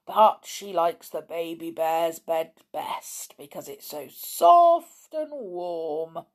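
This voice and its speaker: A woman reading aloud and voicing a kindly father bear who explains things gently. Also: on the low side, animated, slow. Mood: explaining.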